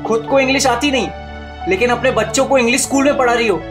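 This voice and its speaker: A young man delivers sarcastic, exasperated lines as the son in a comic sketch. His voice sits fairly high, with music running underneath. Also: quick pace. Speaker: comedian playing the son.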